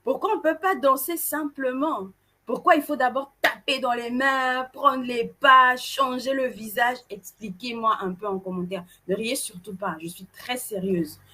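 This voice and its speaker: Woman co-host from Cameroon, animated and playful with the crowd, slightly high pitch. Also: normal speed. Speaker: event co-host. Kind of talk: casual presenting to an audience.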